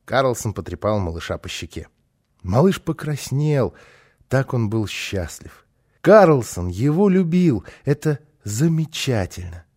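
A man narrating a children's storybook aloud in a lively, expressive manner. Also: mid-range voice, measured pace, breathy edge.

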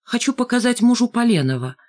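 Narrator doing a flustered rushing schoolteacher. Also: mid-range voice, big pitch swings, a little mellow, voice pushed up, close to an everyday voice. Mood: hurried cheerful. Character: hurried adult woman teacher, kindly, always rushing. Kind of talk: audiobook character voice.

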